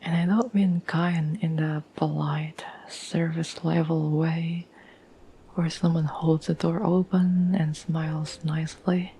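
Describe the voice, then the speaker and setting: This rough-sounding ASMR recording has a woman roleplaying a tender girlfriend who soothes her troubled partner. Soft and breathy, her slightly low whisper barely varies in pitch; she speaks slowly and earnestly, stopping for thoughtful pauses, with faint noise behind her.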